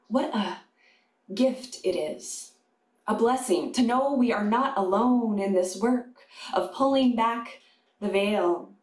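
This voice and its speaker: A woman chaplain delivering a sermon to a congregation, slow and deliberate with pauses. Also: fairly high pitch. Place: congregation sanctuary. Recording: echoey room.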